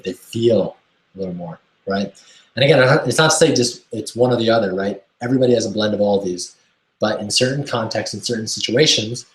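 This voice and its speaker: A man coaching a webinar audience on mindset, enthusiastic and often checking in with "right?". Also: lowish voice. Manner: enthusiastic, keeps asking "right?". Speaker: self-help coach. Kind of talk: webinar teaching talk. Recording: roomy echo.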